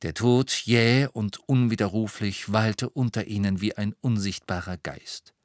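Guy reading an audiobook, steady and measured, dry close sound. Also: fairly low pitch, no room sound. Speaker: audiobook narrator. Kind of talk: scripted narration.

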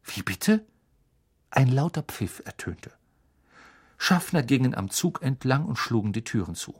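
A man reading a story aloud as narrator, measured and voicing every character. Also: medium pitch, very animated, slightly rough. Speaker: audiobook narrator. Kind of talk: scripted narration.

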